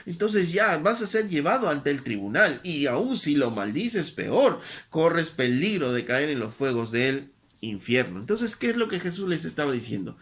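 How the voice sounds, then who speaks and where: Man, preacher, sermon, fairly high pitch, earnest teaching tone, rhetorical tag questions, repeated phrases. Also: very animated, moderate pace, a bit bright. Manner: repeats and restarts phrases for emphasis.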